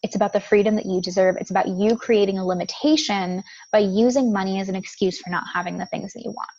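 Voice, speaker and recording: A woman's voice: mid-range voice, steady tone, fast talker, darkish tone, highs cut off. Earnest woman teaching about abundance. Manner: earnest, repetitive, occasional light laughs. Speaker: manifestation coach. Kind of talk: spiritual teaching monologue.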